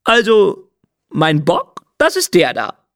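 Man voicing a cocky caterpillar tinkerer for a storybook, high and dry-sounding. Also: wildly swooping pitch, slow pace, dry recording, full character voice. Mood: cheerful. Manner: loud, off-key, hearty. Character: tattooed male caterpillar biker, brash.

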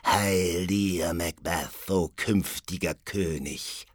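A man voicing a shrill old witch who speaks slow prophecies and rises to loud cries. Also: breathy edge, dry recording, studio quality, full character voice. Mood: prophetic. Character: third witch, shrill cackling old woman.

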